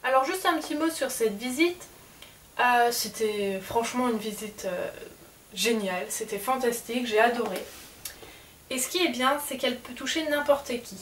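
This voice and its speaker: A woman's voice: a little high, lively intonation, normal speed, recorded from a distance. A woman casually showing her souvenir collection to the camera, chatty and hesitant with many fillers. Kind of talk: casual unboxing vlog. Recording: off-mic with faint background noise.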